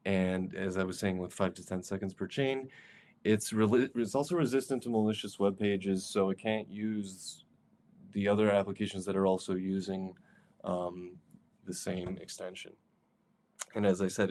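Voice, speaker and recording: A man's voice: deep voice, darkish tone. A man giving a casual virtual conference talk over a video call, with frequent fillers and restarts. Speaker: conference speaker.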